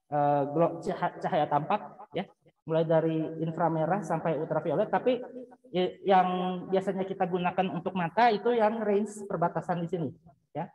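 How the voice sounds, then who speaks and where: A man giving a university physics lecture, explaining patiently, often pausing with fillers and searching for words. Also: high-pitched, fairly even intonation, warm tone, muffled recording. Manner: patient explaining, checking in with frequent "ya".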